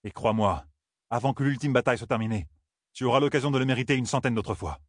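A man voicing a young male hero in an audiobook, stern and commanding, rising to shouts when angered. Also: mid-range voice, quick pace, dry recording, clean studio sound, voice pushed up, natural voice.

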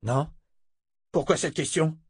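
A man's voice: a little high, slow, husky, no room sound, clean studio sound, voice pushed up, exaggerated voice. Man reading an indignant young swordsman. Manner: indignant, protesting. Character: young male swordsman, principled and angry.

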